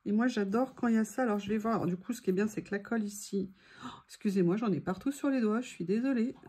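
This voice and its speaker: A woman's voice: medium pitch, fast talker, dark tone, breathy edge. A woman hosting a craft tutorial, chatting to viewers as she works and laughing at her own mistakes. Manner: self-mocking, laughs at her own mishaps, talks to viewers. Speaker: craft video host.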